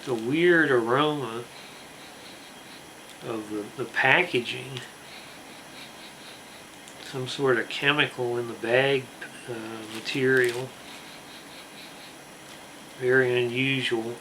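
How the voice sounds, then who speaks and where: A man hosting a casual food review to camera, speaking in a deliberate, emphatic way with drawn-out words. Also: medium pitch, steady tone, sharp tone, a little hiss or hum, poor audio. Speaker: snack review channel host.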